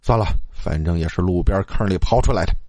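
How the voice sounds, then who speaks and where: A man voicing a superstitious, hot-tempered male college student who talks gruffly and swears. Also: deep voice, brisk, darkish tone, no echo, voice pushed down. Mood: offhand.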